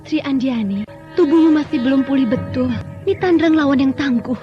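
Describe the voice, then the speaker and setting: Old radio drama: a soothing, playful young married woman fighter; high-pitched, muffled lo-fi recording under faint music. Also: moderate pace. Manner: gentle, teasing, soothing. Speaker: Dewi Astini, a radio drama character.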